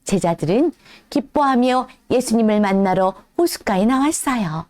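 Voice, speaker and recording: A woman as a children's church teacher, telling a Bible story to toddlers in a gentle, animated way. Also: fairly high pitch, moderate pace, dry recording.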